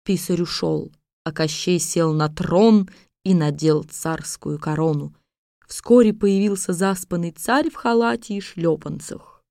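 A woman narrating a fairy tale in a calm, even storytelling manner. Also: fairly low pitch, a little slow, creaky, dry recording, studio quality.

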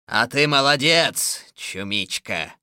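Man doing a loud imperious villain sorcerer, bright forceful tone, slow drawn-out commands, dry close sound. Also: mid-range voice, lively intonation, clear, resonant tone, no echo, voice pushed up, exaggerated voice. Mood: commanding. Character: gleeful domineering immortal sorcerer king, male. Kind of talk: storybook reading.

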